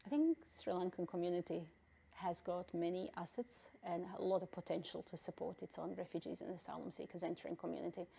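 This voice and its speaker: A middle-aged woman from Bosnia, president of a refugee council, responds to an interviewer in a measured, reflective manner broken by pauses and fillers. Low in register, her voice is gravelly yet mellow, with a husky quality.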